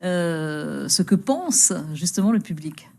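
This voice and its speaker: Mellow, soft-toned woman hosting an interview. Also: lowish voice, lively intonation, slow, gravelly. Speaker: TV interviewer, host. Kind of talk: conversational studio interview.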